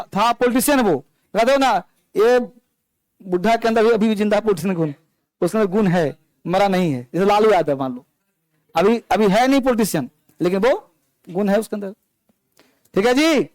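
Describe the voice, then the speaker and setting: A man's voice: high-pitched, normal speed, darkish tone, no room sound. A man teaching an English class, explaining grammar and calling out instructions to his students. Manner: instructive, calls on students and drills them.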